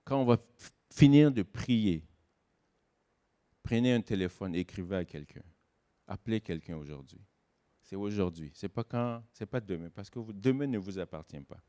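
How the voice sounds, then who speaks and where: A man preaches a sermon to an online congregation. His delivery rises into slow, stressed phrases and then falls away into quiet, low remarks. He is mid-pitched and speaks in a measured way. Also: expressive. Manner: dynamic preaching, swings from loud emphasis to soft low asides. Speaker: guest pastor. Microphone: online church service recording.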